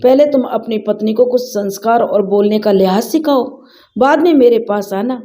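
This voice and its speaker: A woman's voice: a little high, normal speed, warm tone, close to an everyday voice. A woman voicing a middle-aged village mother who speaks firmly and sternly to her son and daughter-in-law. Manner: stern, firm.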